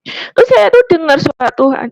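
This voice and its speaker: A middle-aged woman, telling a personal testimony in an animated, emotional way. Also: very high voice, normal speed, creaky, no echo, poor audio. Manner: animated, acts out the people she quotes.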